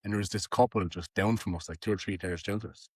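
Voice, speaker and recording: A young Irish man from Tipperary chatting casually on a podcast, animated and swearing freely. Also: lowish voice, fast talker, breathy edge, no room sound, studio quality. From Ireland. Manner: animated, swears freely, does impressions of accents. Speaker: podcast host. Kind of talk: casual chat.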